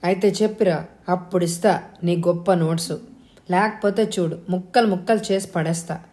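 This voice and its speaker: A woman reading an audio novel, voicing a quick-tempered, scornful elder sister who shouts at her younger sibling. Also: lowish voice, steady tone, natural voice. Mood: mocking.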